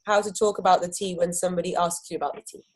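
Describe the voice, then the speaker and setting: Woman, husky voice, upbeat persuasive training talk. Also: lowish voice, little pitch movement, racing, poor audio. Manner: enthusiastic and persuasive, acts out customer exchanges. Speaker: host of a sales training video.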